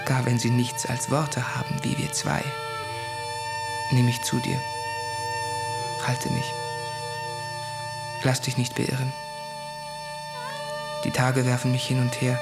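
A brooding, whispering writer. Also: male voice, medium pitch, creaky. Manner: intimate, brooding, often whispered. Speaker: narrator and protagonist. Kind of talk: radio drama acting. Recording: music in background.

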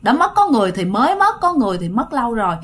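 Speaking with a Southern Vietnamese accent, a woman tells a ghost story in a chatty way, addressing her listeners directly. Her fairly high voice is very animated and races along.

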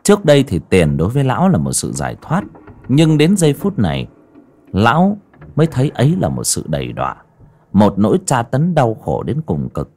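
Husky, expressive male storyteller. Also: medium pitch, a little fast. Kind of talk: dramatic horror audiobook narration.

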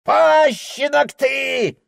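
A man voicing a brutal, coarse middle-aged merchant father who shouts and jeers hoarsely. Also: very high voice, very slow, voice pushed up, exaggerated voice. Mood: screeching.

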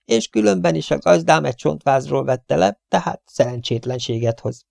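Brief: male reader playing a fussy, superstitious stout cleaning lady, high shrill chatter, mellow dry audiobook sound. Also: expressive, gravelly, no echo.

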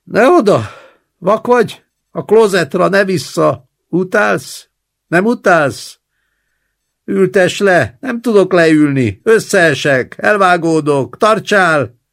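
Guy putting on a needy old patient voice, begging and bossy, raised and loud. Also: high-pitched, lively intonation, creaky, pitched above the performer's own voice, heavily acted. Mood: wailing. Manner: pleading, wailing, demanding. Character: whining, self-pitying old male hospital patient.

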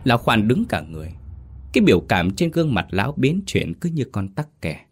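A man narrating a folk ghost story in a slow, measured way. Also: on the low side, very animated, husky.

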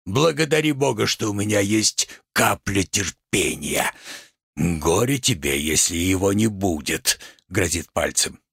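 Reading a stage play aloud, a man fully voices a pompous, wrathful provincial tragic actor who rants grandiloquently in grand, drawn-out phrases, his pitch leaping wildly. His gravelly, husky voice is animated and a bit bright, captured dry and close with no echo.

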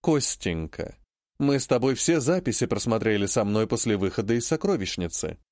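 A man's voice: fairly low pitch, very animated, normal speed, a little mellow, dry recording, clean studio sound. A man reading an audiobook, voicing a shrewd, indignant old woman, a great-grandmother and healer who laments dramatically.

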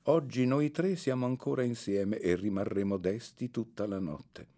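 A man's voice: fairly low pitch, normal speed, dark tone. A man reading the part of a school director in his forties who speaks in a manly, composed tone.

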